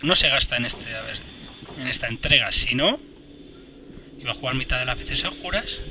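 A man's voice: mid-range voice, lively intonation, fairly quick, background noise. A man giving casual, swearing, joking let's-play commentary. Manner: swearing, joking, reacting aloud. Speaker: gameplay commentator.

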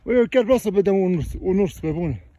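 High, lively man joking on a hike. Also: dry recording. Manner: joking, playful banter. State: slightly out of breath. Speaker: vlogger. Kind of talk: casual hiking vlog. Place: outdoors on a canyon trail.

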